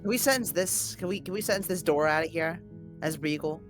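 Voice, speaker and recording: A woman streaming a game with casual, jokey, expressive chat. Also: low voice, brisk, over music. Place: voice call on a live stream.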